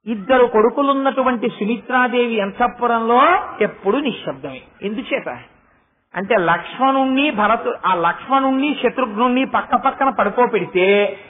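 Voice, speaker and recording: A middle-aged man giving a religious discourse, telling stories in an animated way and putting rhetorical questions to his listeners. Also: extremely high pitch, moderate pace. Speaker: spiritual discourse speaker. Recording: tinny phone-like sound.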